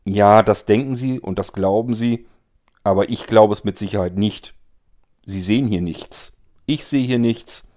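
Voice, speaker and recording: A man voicing a skeptical middle-aged caretaker in a read-aloud story, measured and slightly irritated. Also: on the low side, darkish tone, natural voice.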